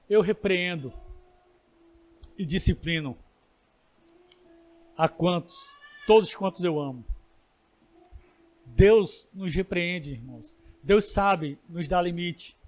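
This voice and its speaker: A Brazilian man preaching as a pastor, building to emphatic bursts and then slowing into drawn-out pleas. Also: high voice. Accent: Brazilian Portuguese. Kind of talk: sermon.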